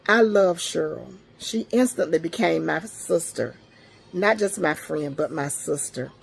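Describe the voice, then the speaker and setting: A woman's voice: deep voice, a little slow, gravelly, husky. A tearful woman giving a heartfelt, prayerful memorial tribute. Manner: prayerful, speaks in blessings.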